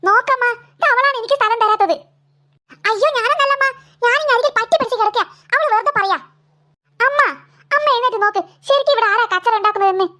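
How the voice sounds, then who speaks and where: Whiny bickering cartoon girls, voiced by a woman, very high, bright, fast. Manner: whiny, stubborn squabbling. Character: bickering young daughters, stubborn and cheeky.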